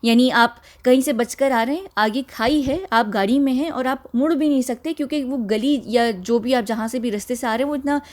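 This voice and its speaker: A woman explaining a music video scene by scene in a casual, halting way, often urging viewers to look closely. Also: high-pitched, darkish tone. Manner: conversational with frequent fillers and restarts. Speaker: video commentator.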